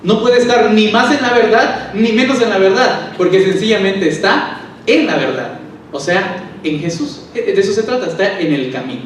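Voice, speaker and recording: A man's voice: high-pitched, animated, moderate pace, slight background noise. A male pastor preaching a sermon, who explains scripture through rhetorical questions. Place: church. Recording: echoey church hall from far off.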